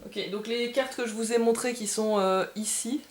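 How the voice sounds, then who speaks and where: A woman's voice: on the high side, steady tone, moderate pace. A woman casually unboxing and presenting a board game, thinking aloud and gushing with delight over small details. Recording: echoey room.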